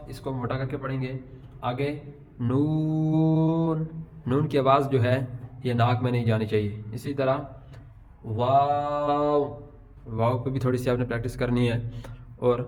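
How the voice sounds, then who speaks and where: Man, middle-aged, Quran pronunciation teacher, patient, drawn-out example letters, mid pitch. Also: a little mellow. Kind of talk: Urdu alphabet lesson.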